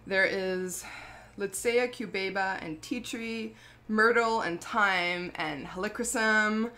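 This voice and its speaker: A woman's voice: medium pitch, slow pace, pushed and bright. A woman talking casually about her skincare product, chatty and rambling, with lots of fillers and self-corrections. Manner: laughs often mid-sentence. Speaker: skincare brand founder.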